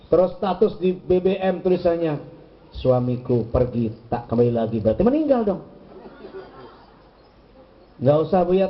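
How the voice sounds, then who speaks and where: Man preacher, high and swooping voice, playful and teasing; muffled lo-fi recording. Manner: playful, teasing, acts out voices of husbands and wives. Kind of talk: lively sermon to a women's gathering.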